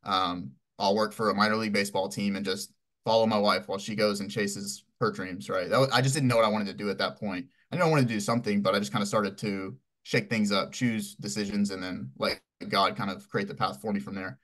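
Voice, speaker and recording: A young man in his twenties, from Texas, tells his own story as a podcast guest. His voice sits a bit low, and he rambles from one thought to the next with plenty of fillers. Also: fairly even intonation, a little fast, a bit bright. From Houston, Texas. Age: 20s. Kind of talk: casual interview answers.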